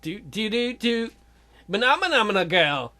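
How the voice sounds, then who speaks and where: A man with a high voice, speaking at normal speed, hosts a let's play where he reads a dating sim's dialogue aloud. He's animated and jokey, slipping into different voices for the characters and tossing out crude jokes between lines.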